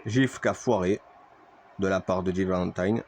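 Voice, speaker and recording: A man's voice: deep voice, fairly even intonation, moderate pace, darkish tone. A man giving play-by-play wrestling commentary on a video game match, speaking to his viewers like a ringside commentator with repeated exclamations.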